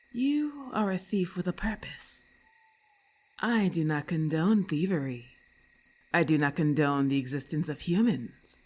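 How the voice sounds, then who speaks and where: In an ASMR roleplay, a woman voices a haughty, predatory female lamia, speaking deliberately in an imperious, condescending way. Her low, slightly mellow voice sounds menacing.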